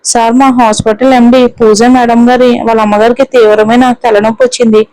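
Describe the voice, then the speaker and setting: A woman's voice: a little high, flat delivery, brisk, a little mellow, clean tone, dry recording, lightly acted, poor audio. A woman voicing an eager young male junior doctor who speaks respectfully and urgently.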